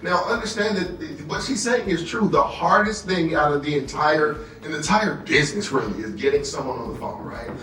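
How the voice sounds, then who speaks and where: An American motivational trainer runs an interactive sales workshop, often checking in with his audience. His voice is fairly high, pushed and bright, moving at a moderate pace with hardly any pauses. The room echoes, the mic is distant, and faint music and slight background noise sit underneath.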